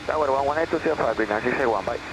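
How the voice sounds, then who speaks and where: A man with a Dutch accent, an airline pilot reading back clearances through a cockpit headset mic. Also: mid-range voice. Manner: clipped, rapid, routine readbacks. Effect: pilot speaking through a cockpit headset mic. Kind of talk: terse radio readbacks to air traffic control. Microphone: headset boom mic. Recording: cockpit engine and air noise.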